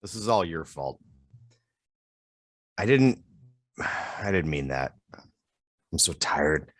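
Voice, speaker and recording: A man reading a tired young man who is leaving home, in an online play reading, his words slow and strained. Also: rumbling low, animated, fairly bright tone, no room sound, exaggerated voice. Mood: weary. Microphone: video call.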